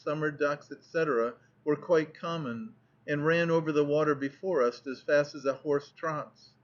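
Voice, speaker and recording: A man reading a nineteenth-century travel narrative aloud as an audiobook narrator, in a steady, measured way. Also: fairly high pitch. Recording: dull lo-fi audiobook recording.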